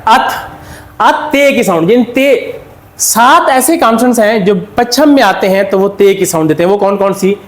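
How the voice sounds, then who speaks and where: A man's voice: extremely high pitch, echoey room. A man with a Pakistani Urdu accent, giving a step-by-step classroom lesson and answering his own questions. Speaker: Korean language teacher.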